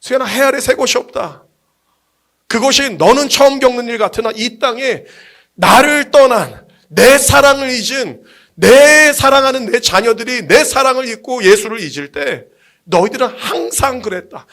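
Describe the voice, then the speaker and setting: A man's voice: very high voice, expressive, moderate pace, fairly bright tone, exaggerated voice. A pastor voicing God as a grieving, patient divine father, speaking earnestly and sorrowfully within a sermon. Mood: grieving, pleading.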